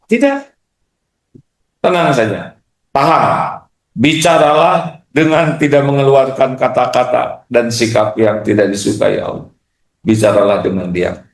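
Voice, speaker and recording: A man preaching a sermon to an audience, questioning them and acting out insults. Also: mid-range voice. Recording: echoey hall.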